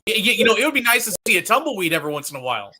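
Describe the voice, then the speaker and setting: A man in casual co-host chat, his voice high and sharply bright. It has a husky rasp to it. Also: very animated, racing.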